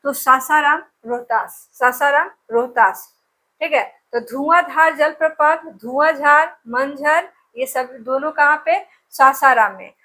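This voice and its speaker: A woman's voice: sits high, unhurried, bright, forceful tone. A woman teacher giving an exam-prep lesson, drilling place names with memory tricks and repeating each answer over and over.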